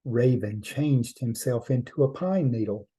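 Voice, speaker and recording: A man telling a traditional trickster tale as a storyteller, in measured short phrases with deliberate pauses. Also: medium pitch, mellow, breathy edge.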